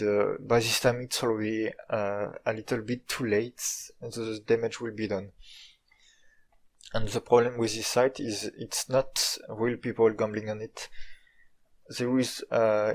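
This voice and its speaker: Speaking in English with a French accent, a native French speaker from France narrates a video story in a fairly low voice. His telling is informal, dry and tongue-in-cheek.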